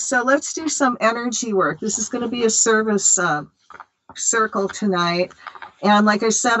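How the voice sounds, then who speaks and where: An American woman hosts a spiritual radio show, chatting casually with lots of fillers and strong opinions. Her voice is fairly high and sharp, and the recording quality is poor.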